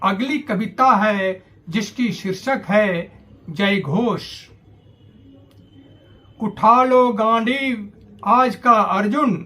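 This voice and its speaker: Slow, high-voiced man reciting poems. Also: bright, forceful tone. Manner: measured, repeats lines for emphasis. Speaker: poet.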